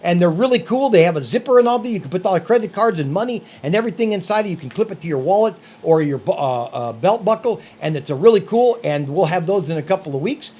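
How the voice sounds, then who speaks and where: A man's voice: sits high, expressive, quick pace, hardly any pauses, darkish tone. A man hosting a casual podcast, rambling and heated, with many restarts and filler words. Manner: heated, raising his voice on his points. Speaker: podcast host. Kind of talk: casual talk-show rant.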